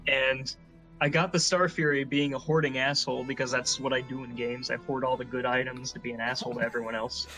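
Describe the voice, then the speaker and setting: A man chatting on a gaming podcast, his voice bright and forceful. He tells long, rambling stories packed with swearing, and his pitch sits in an ordinary middle range. Faint music plays behind him. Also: level tone, fairly quick, rough recording. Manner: profane, rambling storyteller. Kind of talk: casual chat.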